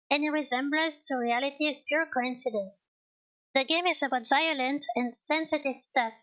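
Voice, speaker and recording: A woman's voice: sits high, fairly bright tone, rough recording. A young woman streamer talking casually and self-mockingly as she plays a game, then reading its text aloud.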